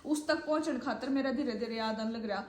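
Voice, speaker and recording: A woman's voice: a little high, fast. A young woman, telling a travel story to family in a rambling, chatty way. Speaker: vlogger. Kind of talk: casual storytelling. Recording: echoey room.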